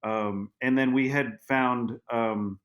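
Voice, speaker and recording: A man speaking as a guest on a podcast, telling a story in halting speech with many restarts. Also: medium pitch, steady tone, a bit bright. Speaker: guest, vineyard owner. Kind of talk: casual interview.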